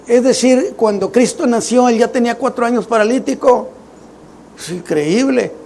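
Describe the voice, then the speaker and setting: High, gravelly preacher. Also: male voice, normal speed, a little mellow, slight background noise. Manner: conversational, joking preaching with rhetorical questions. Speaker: pastor. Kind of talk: Sunday sermon.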